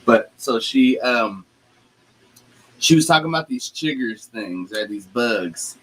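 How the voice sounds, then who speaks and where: A man's voice: medium pitch, animated, slow, fairly bright tone, slightly rough, poor audio. A man in his thirties chatting casually, telling stories with slang and mimicking people. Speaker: podcast co-host. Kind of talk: casual chat.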